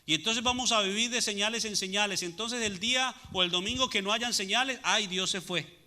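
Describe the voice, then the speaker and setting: Bright-voiced male preacher. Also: high voice, a little fast. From Latin America. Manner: preaching with rhetorical questions to the congregation. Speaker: pastor. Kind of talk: sermon.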